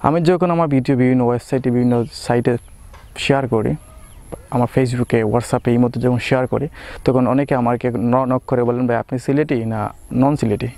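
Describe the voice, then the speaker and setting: A man's voice: medium pitch, fairly even intonation, normal speed, darkish tone. A young man from Bangladesh talking playfully to camera in a casual comic vlog. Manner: playful, mixes standard Bangla with Sylheti dialect. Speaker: vlogger.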